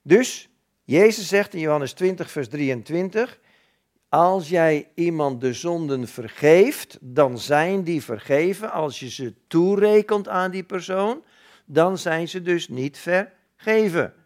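A man's voice: fairly high pitch, expressive, slow, a little mellow. A middle-aged man preaching a sermon in a conversational way, asking his listeners questions and acting out short dialogues. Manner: conversational, acts out dialogues, asks the audience questions.

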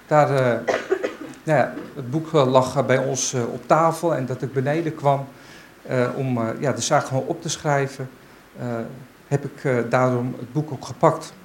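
Lay male church speaker, mid-range voice, halting and unsure, faint background noise. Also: medium pitch, steady tone, poor audio. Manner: halting and unsure, searching for words. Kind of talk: informal church talk with Bible reading. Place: in front of a church gathering.

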